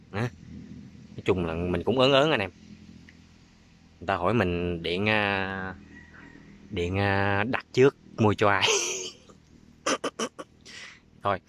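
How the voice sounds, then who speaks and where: Southern Vietnamese male prank-video host, casual, forceful bright tone, slightly low, faint noise. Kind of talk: casual vlog chat.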